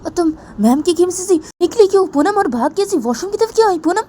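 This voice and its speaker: A worried young woman fires off the same anxious questions again and again in a much higher, louder voice, as a woman storyteller puts her on. She sounds caring and insistent. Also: expressive, fast, slight background noise. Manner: anxious, repeats questions over and over. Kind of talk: storybook narration acting.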